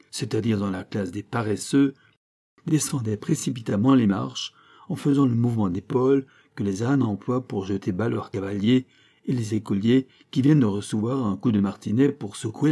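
A man narrating a classic novel as an audiobook in a measured, even way. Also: on the low side. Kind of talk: scripted narration.

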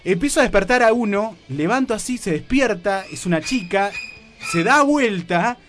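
A young adult man with an Argentine Rioplatense accent, telling a comic story on a radio comedy show, excitable and slangy, acting out other people's lines. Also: sits high, moderate pace, soft background music. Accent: Argentine Rioplatense Spanish.

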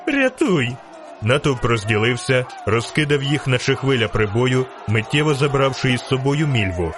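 A man reading a fantasy novel aloud in steady storytelling narration. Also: mid-range voice, moderate pace, crowd noise, noisy background. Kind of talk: audiobook narration.

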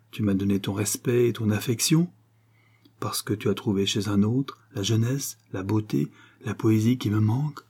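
A man's voice: on the low side, warm tone, breathy edge. A man reading an audiobook, voicing an aging, selfless English lord who speaks in murmured, sorrowful declarations.

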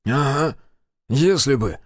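Barking police major, gruff and distrustful, voiced by the narrator; dry read. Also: male voice, medium pitch, big pitch swings, fairly quick, no echo, natural voice. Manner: barking orders.

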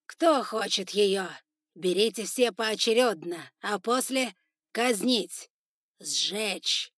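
Brief: woman doing a cruel male spider overlord, loud, raised, contemptuous, dry close read. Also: mid-range voice, slow, dry recording. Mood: raging. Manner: shouting orders, harsh and contemptuous. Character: furious older male spider lord, cruel ruler. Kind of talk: audiobook character voice.

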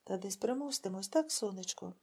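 Жінка озвучує дбайливу молоду подругу-селянку. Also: female voice, medium pitch, animated, fairly quick, a little mellow, husky. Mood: caring. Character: caring young village woman, helpful friend.

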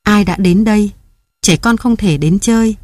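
A woman's voice: medium pitch, normal speed, darkish tone, dry recording, lightly acted. A woman voicing an old mother grieving at her son's grave, calling to him in a tearful, pleading lament. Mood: bewildered.

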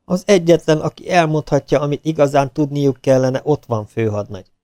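A man voicing a dry, soft-spoken, tired woman psychologist. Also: fairly high pitch, animated, no room sound, voice pushed up, close to an everyday voice. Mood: firm. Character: wry, tired woman psychologist, former recluse.

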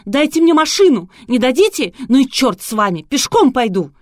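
A woman's voice: on the high side, normal speed, mellow, no echo, clean studio sound, voice pushed up, close to an everyday voice. A woman voicing a hysterical, furious bride who shrieks at everyone, in an audiobook.

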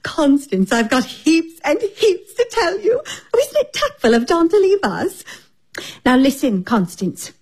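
A woman's voice: sits high, sing-song, measured pace. An actress playing a vain, flighty society woman in a drawing room comedy, with an upper-class British accent and an affected, effusive manner. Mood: confiding, self-satisfied.

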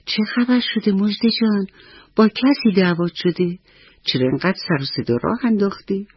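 A husky-voiced woman voicing a patient old grandmother in a radio bedtime story, lower and slower, soothing and affectionate. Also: no echo, natural voice. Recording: slightly dull radio recording.

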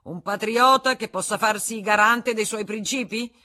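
A woman's voice: low voice, fairly even intonation, normal speed, fairly bright tone. A woman voicing a stern, imperious male club president who questions a candidate in a cold, majestic way, in a read-aloud novel. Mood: demanding.

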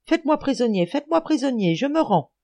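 A woman voicing a cowardly, bumbling Swabian man who yelps in high-pitched cries. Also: very animated, a little fast, mellow, heavily acted. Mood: panicked.

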